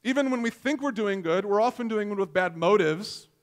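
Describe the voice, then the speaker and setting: A man's voice: high voice, animated, a little fast. A man in his forties, a pastor, preaching a sermon on a church stage into a headset mic, in a conversational, self-deprecating storytelling way.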